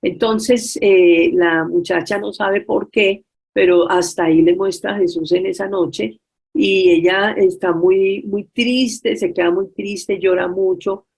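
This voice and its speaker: A woman giving a storytelling religious talk over a video call, retelling a story with many filler pauses. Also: mid-range voice, steady tone, vocal fry, a little mellow, slightly rough. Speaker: speaker at a forgiveness workshop.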